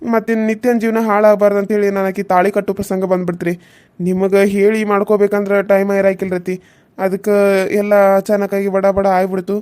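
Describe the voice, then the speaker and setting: A woman's voice: medium pitch, flat delivery, fairly quick, dark tone, natural voice. A woman voicing an earnest young village husband in a cartoon serial, apologizing. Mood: apologetic pleading. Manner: pleading, apologetic.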